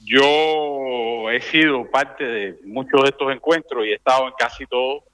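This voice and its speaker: A middle-aged man from Cuba, speaking as an interview guest in a halting way, full of restarts and fillers. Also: mid-range voice, a bit bright. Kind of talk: conversational interview.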